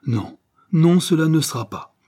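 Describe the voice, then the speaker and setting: A man's voice: fairly high pitch, expressive, unhurried, mellow, breathy edge, voice pushed up. A man reading an audiobook, voicing a scheming, seductive female adventuress who coaxes and persuades. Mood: coaxing. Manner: coaxing, persuasive.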